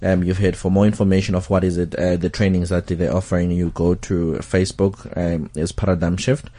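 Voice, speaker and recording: A man's voice: deep voice, a little fast. A man hosting a South African talk radio show, chatting casually with his guests. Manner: relaxed, lots of "oh, okay" and "no, definitely".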